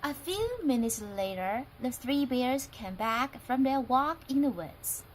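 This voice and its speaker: Lively slow-reading woman storyteller. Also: high voice, a little hiss or hum, rough recording. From Taiwan. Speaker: English teacher. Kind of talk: reading a picture book aloud.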